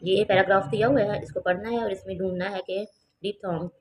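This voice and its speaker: Lady teacher doing a home lesson for kids, mid pitch, repeats words a lot. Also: steady tone, a little hiss or hum, rough recording. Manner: explains each step, reads English lines slowly, repeats words.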